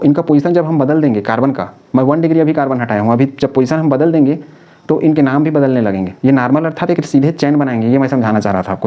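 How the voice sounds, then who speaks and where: A man's voice: medium pitch, muffled recording. A man teaching a chemistry lesson, explaining step by step, repeating key terms and answering his own questions. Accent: Hindi-speaking North Indian. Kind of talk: classroom lecture.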